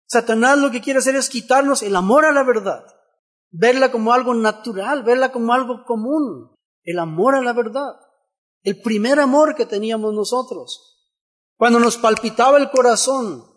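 High-voiced man preaching with emphatic repetition. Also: moderate pace. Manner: emphatic repetition and rhetorical questions. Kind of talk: sermon.

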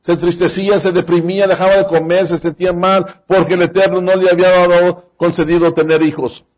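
A man's voice: high voice, flat delivery, brisk, a little mellow, highs cut off. A man preaching a sermon, speaking straight to his congregation and acting out the lines he quotes. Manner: addresses the congregation directly.

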